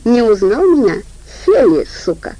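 A woman's voice: a little high, big pitch swings, moderate pace, voice pushed up, rough recording. A woman voicing a ruthless, cornered male gang boss who barks curt, angry orders. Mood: angry commanding. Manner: curt, furious shouting.

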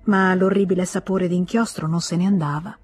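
A woman narrating a literary audiobook in a measured, slow, dramatic reading. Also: on the low side, fairly even intonation, darkish tone, husky. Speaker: audiobook reader.

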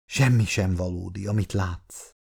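A man reading a fragile, unstable woman in an audiobook, speaking in a hushed, low way. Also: lively intonation, vocal fry. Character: fragile, unstable woman confiding secrets to her husband.

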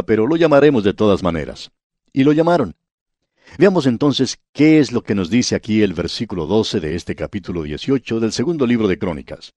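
Low-voiced male Bible radio teacher. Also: darkish tone, no room sound. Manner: addresses the listener directly, reads scripture then explains.

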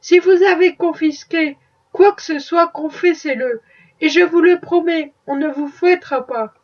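A woman's voice: very high-pitched, a little slow. A woman reading aloud, voicing a stern middle-aged spinster aunt who scolds a child. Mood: scolding. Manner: scolding, exasperated. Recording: dull distant recording.

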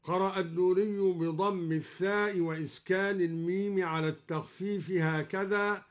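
A man with an Egyptian accent, a Quran scholar on live radio, explaining reading variants and chanting each verse slowly and melodically. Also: sits high, fairly even intonation. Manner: alternates plain explanation with slow melodic recitation. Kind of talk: explanatory talk with slow chanted Quran examples. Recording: live radio broadcast recording.

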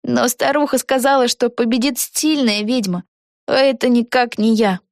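A woman's voice: on the high side, fairly even intonation, normal speed, darkish tone, no room sound, clean studio sound, pitched above the performer's own voice, lightly acted. A woman voicing a kind young girl witch who doubts herself, speaking modestly in a storybook reading. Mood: doubtful. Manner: modest, hesitant.

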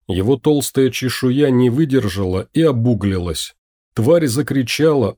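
Dark-voiced male story narrator. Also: medium pitch. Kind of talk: scripted narration of a sci-fi story.

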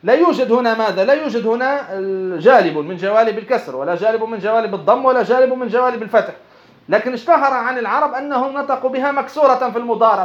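Quick high-voiced man teaching grammar. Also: a bit bright. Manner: poses rhetorical questions then answers them; repeats and restarts phrases as he explains. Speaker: Islamic studies teacher. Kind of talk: explaining a grammar text line by line. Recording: dull lo-fi recording.

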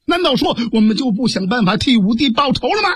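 A man's voice: extremely high pitch, sing-song, quick pace, breathy edge, dry recording, pitched above the performer's own voice, exaggerated voice. A man playing a shrewd, earnest sworn brother who pleads urgently with his superior. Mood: urgent pleading.

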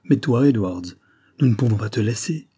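Man reading a desperate young hero, urgent and impatient, husky and mellow, audiobook. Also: mid-range voice, expressive, normal speed.

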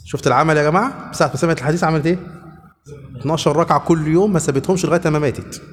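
A man's voice: on the high side, rapid-fire, in a large hall, a little hiss or hum. A man with an Egyptian accent teaching a religious lesson as a sheikh, often asking his students questions. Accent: Egyptian Arabic.

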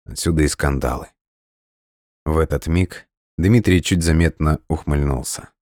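A male narrator reads fiction in a steady, even way. His voice is extremely low. The sound is close and dry. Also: normal speed, no room sound. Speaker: audiobook narrator. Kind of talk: scripted narration.

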